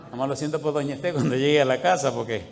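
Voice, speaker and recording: A male pastor preaching a sermon, firing questions at the congregation and swinging between loud appeals and hushed asides. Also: mid-range voice, very fast, creaky, a faint crowd.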